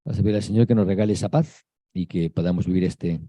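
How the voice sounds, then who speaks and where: Man, priest, Christmas sermon, conversational, repetitive lists, dark mellow voice, dry close sound. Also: deep voice, fast talker, no echo.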